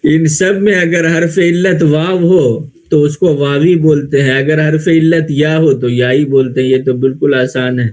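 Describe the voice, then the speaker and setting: Delivering a classroom lecture in Urdu with an Indian Urdu accent, a man walks through Arabic grammar step by step. His voice is on the high side, darkish, and flat in delivery; he moves slowly and answers his own questions.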